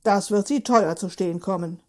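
A woman voicing a calm policeman in a read-aloud story, making dry, knowing remarks. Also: medium pitch, moderate pace, lightly acted.

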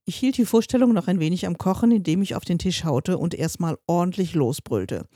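A woman's voice: on the low side, expressive, fairly quick, mellow, no room sound. A woman reading a darkly comic story aloud, in a dry, wry storytelling manner. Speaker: narrator.

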